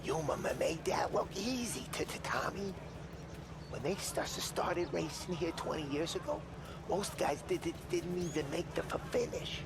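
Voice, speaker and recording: An actor playing a mob mechanic who stutters heavily. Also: male voice, on the high side, moderate pace, pauses often, noisy background, natural voice. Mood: admiring. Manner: heavy stutter. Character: nervous stuttering mob mechanic, middle-aged man. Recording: game soundtrack music behind.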